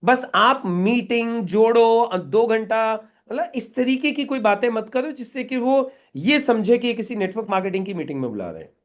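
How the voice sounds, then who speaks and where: A man's voice: very high voice, animated, normal speed, few pauses. A middle-aged man leading a live training session in a meeting room, instructing the group and quizzing them with questions.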